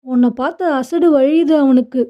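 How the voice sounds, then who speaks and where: Teasing young girl pal, woman doing her, high and playful, muffled sound. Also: normal speed, close to an everyday voice. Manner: mocking and playful. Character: teasing young female friend. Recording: dull lo-fi recording.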